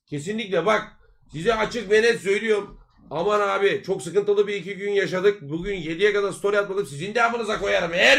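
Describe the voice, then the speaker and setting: A man live streaming, chattering nonstop to his viewers in expressive, complaining, swear-filled slang. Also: high voice. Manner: foul-mouthed, slangy. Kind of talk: casual livestream chat with viewers.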